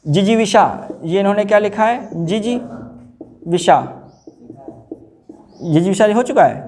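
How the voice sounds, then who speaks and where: A man's voice: high-pitched, darkish tone. A male teacher giving an exam-prep spelling lesson, repeating each word and quizzing his students, calling them brother in an informal way. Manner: addresses listeners informally as brother.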